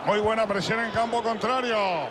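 A man with a Castilian Spanish accent giving play-by-play football commentary for a video game, with excited goal calls. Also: sits high. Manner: excited goal calls with drawn-out repeated shouts. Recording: loud stadium crowd noise. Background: roaring stadium ambience.

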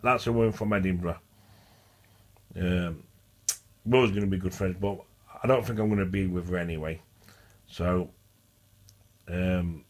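Speaking in a lowish, somewhat dark voice, a man who stutters delivers a rambling vlog monologue straight to camera. He keeps circling back, restarting sentences and repeating phrases in a casual way.

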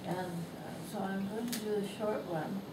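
A woman from Canada, in her nineties, gently reads her humorous essay at a slow, amused pace inside a bookstore. Her thin, not very strong voice is medium-pitched with fairly even intonation. The lapel-mic recording, filmed from across the room, has distant echoey shop sound and background noise.

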